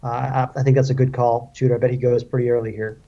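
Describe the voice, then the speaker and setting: A man offering measured analysis on a live baseball panel. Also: medium pitch, flat delivery, lo-fi sound.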